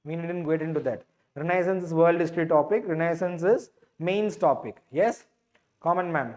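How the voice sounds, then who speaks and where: A man with a Tamil accent lectures an online class. His voice is high for a male speaker and his delivery is rapid. He drills points by repeating them and tags them with short check questions. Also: darkish tone. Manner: didactic, repeats phrases, asks check questions. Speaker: teacher of an exam preparation class. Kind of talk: live online lecture in English with some Tamil.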